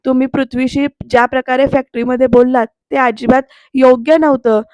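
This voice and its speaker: A polite young woman makes her case to an elder, measured and persuasive, as a woman voices her in a high, close, dry voice. She stays respectful and steady throughout. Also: no room sound, lightly acted. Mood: earnest. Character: calm, earnest young woman pleading reasonably.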